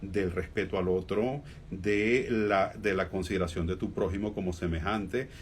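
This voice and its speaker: A man with a Venezuelan accent, a humorist guest in a radio interview, talking reflectively with many fillers and pauses. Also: low voice, fairly even intonation, slight background noise.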